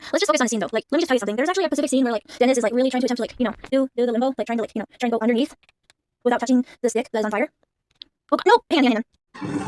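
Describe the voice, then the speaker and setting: Fast-talking young woman rambling about a movie. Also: a little high, a little mellow, no room sound. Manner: rambling, lots of fillers, restarts. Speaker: movie reaction vlogger. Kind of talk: casual movie commentary.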